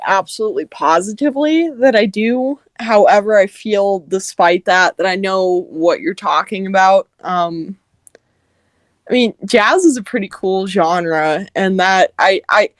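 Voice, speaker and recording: A woman's voice: mid-range voice, expressive, a little slow, dry recording. Woman, guest, casual chat, slangy, laid-back, dry sound.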